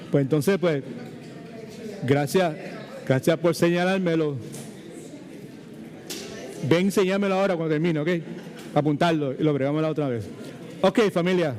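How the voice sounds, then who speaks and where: Puerto Rican pastor in a reverberant hall. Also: male voice, fairly high pitch, unhurried, long pauses, a little mellow. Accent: Puerto Rican Spanish. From Puerto Rico. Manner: chatty, digressive, mixes English words into Spanish. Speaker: pastor teaching a Bible study. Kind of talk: informal sermon teaching.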